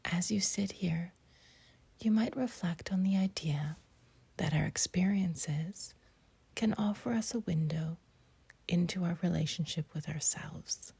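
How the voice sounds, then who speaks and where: With a voice that's mellow, on the low side, and creaky, a woman guides a meditation in a very husky, breathy near-whisper. Her phrases are short and gentle, and she leaves long pauses between them.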